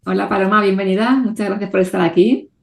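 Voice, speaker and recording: A woman hosting a podcast interview, talking in a measured way with frequent questioning tags. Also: mid-range voice, fairly even intonation, vocal fry, darkish tone. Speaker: podcast host.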